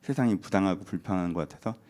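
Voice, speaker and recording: A man's voice: low voice, very fast. A man preaching a Sunday sermon as pastor, talking to the congregation in a chatty way and acting out people's inner thoughts. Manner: animated, conversational, acts out inner voices. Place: church, online service.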